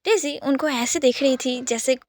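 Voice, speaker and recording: A woman narrating a romance story in plain, steady storytelling. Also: high voice, normal speed.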